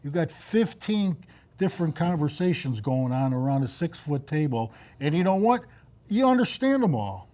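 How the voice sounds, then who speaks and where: A middle-aged man, a guest on a casual talk show, telling stories in an animated, emphatic way. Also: fairly high pitch, normal speed. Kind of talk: casual studio chat.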